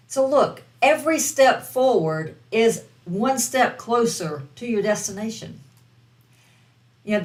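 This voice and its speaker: A woman with a Southern American accent, giving an earnest, direct motivational training for online business beginners. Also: fairly high pitch. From Southern United States. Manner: earnest, repetitive, direct coaching. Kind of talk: motivational training talk to camera.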